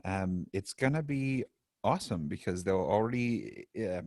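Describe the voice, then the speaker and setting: A man's voice: low-pitched, expressive, unhurried, darkish tone, dry recording, studio quality. A man co-hosting a podcast in a laid-back, joking chat. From Canada. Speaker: podcast co-host. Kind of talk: casual chat.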